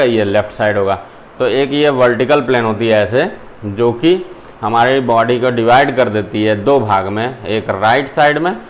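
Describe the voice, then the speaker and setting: A man's voice: mid-range voice, a little hiss or hum. A male zoology teacher giving a classroom lecture, explaining step by step and mixing in English terms.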